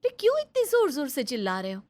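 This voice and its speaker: A woman voicing a worried, protective young mother in a storybook tale, pleading and quick to argue. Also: high voice, huge pitch swings, darkish tone, pitched above the performer's own voice. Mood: upset. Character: anxious protective young mother, daughter-in-law. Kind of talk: storybook character voice.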